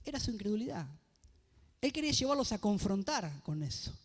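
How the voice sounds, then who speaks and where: A pastor delivers a sermon in a high voice, his phrases climbing in emphasis as he calls out questions to the congregation. The sound hangs in the long reverb of a church hall. He reads scripture slowly and deliberately. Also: big pitch swings. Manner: preaching, with rising emphatic phrases and call-and-response questions.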